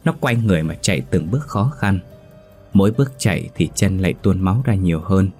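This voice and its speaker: A man narrating a horror story in a steady, grave tone. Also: sits low, a little fast, soft background music.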